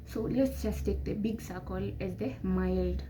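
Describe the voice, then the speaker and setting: A woman's voice: medium pitch, unhurried. A woman, giving rambling, emphatic advice to camera as a vlogger. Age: 20s. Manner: rambling, emphatic, pep-talk tone. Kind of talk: casual advice talk to camera. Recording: noisy background.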